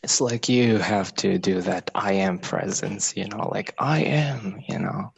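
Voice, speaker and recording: A man from Algeria calling in to a show, excited and halting, with many fillers, on dull lo-fi call audio. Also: on the low side, creaky, breathy edge. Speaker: caller. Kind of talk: call-in conversation.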